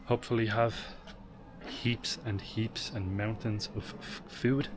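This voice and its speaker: A man's voice: lowish voice, level tone, takes it slowly, noisy background. A man narrating a travel vlog after a long mountain hike, tired but upbeat. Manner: tired, upbeat commentary while hiking. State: exhausted. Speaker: travel vlogger. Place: outdoors on a mountain trail and guesthouse.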